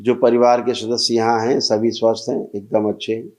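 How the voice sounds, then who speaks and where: A man gives step-by-step ritual instructions to a congregation in a measured, commanding way. His voice sits at a middle pitch and stays flat and even, with little rise or fall. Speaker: spiritual guru leading a healing gathering.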